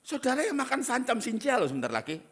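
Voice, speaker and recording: A middle-aged man, preaching a sermon as pastor in a lively, teasing manner with asides. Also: very high-pitched, quick pace, breathy edge.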